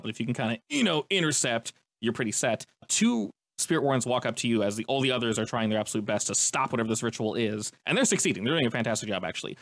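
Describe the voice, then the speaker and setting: A man's voice: mid-range voice, fairly bright tone, no room sound. A man working as a game master, improvising descriptive narration and explaining the rules in a conversational way.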